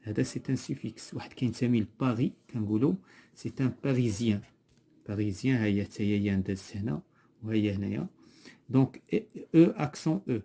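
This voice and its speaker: Quick-paced and lowish, his voice is creaky yet mellow. He is a primary school French teacher with a Moroccan Arabic accent who patiently repeats vocabulary in class and gets a pupil to complete words.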